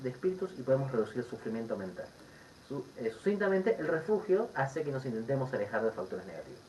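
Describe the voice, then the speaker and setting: A Buddhist teacher with a Rioplatense Spanish accent, giving a Dharma teaching full of stories and asides. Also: mid-range voice. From Argentina. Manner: lively storytelling with asides and laughter. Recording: distant dull recording with faint background noise.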